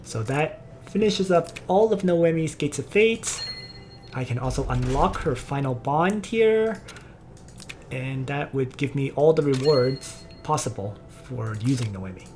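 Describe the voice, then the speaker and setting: A woman giving relaxed, casual gameplay commentary, explaining her strategy step by step. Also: very deep voice, unhurried. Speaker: game video player.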